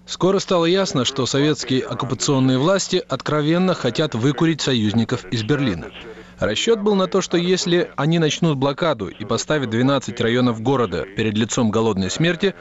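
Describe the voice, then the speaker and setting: A man reading a scripted radio documentary narration in a steady, clear way. The sound is a slightly muffled radio broadcast. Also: mid-range voice, a little fast. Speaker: radio program reader.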